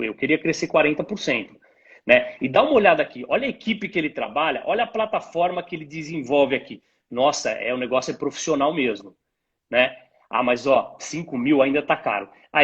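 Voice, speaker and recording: Over dull, lo-fi call audio, a husky-voiced Brazilian man at a medium, slightly bright pitch teaches a live stream host about retail pricing as an expert guest. He makes his points through rhetorical questions and imagined conversations in a conversational but didactic manner.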